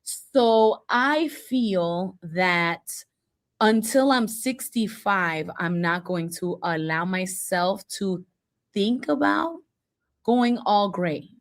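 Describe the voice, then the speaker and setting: A woman's voice: medium pitch, animated, very slow. A woman in her forties co-hosting a podcast, chatting casually and giving firm, playful opinions. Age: 40s. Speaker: podcast co-host. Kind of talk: casual chat.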